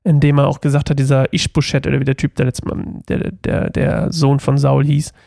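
A man's voice: medium pitch, little pitch movement, fairly quick, gravelly, mellow, no room sound, clean studio sound. A man reading a Bible passage and casually explaining it, rambling with many fillers and restarts. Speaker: Bible study teacher.

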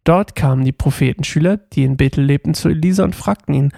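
A man reads a Bible passage aloud and then talks it over casually, stumbling and restarting here and there. His voice is warm and soft-toned with a gravelly fry. The recording is close and dry, with no room sound. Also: fairly high pitch, fast, no echo. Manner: reads steadily with small slips and restarts, then talks loosely with fillers. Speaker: Bible reading podcast host.

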